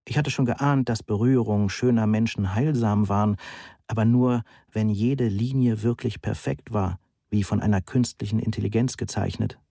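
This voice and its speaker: Low, mellow male audiobook narrator. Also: steady tone, moderate pace, creaky, slightly rough, no echo. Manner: dry, wry storytelling.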